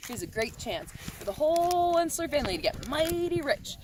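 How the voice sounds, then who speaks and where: A woman's voice: high voice, big pitch swings, normal speed, background noise, voice pushed up. A greedy, defensive storybook businessman, played by a woman, brags and brushes others off. His brash rhyming lines are recited from memory. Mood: eager. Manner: dismissive, boastful, reciting rhyme by rote.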